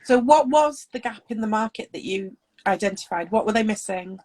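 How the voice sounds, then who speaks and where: A woman's voice: mid-range voice, animated, moderate pace, darkish tone. A woman hosting a casual video call interview, chatty and giggly with lots of fillers. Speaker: host.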